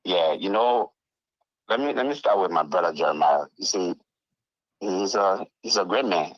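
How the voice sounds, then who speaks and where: A man calling in on a three-way phone call, speaking haltingly and repeating his phrases. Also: deep voice, animated, no echo. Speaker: phone-in caller. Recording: dull, dry phone line.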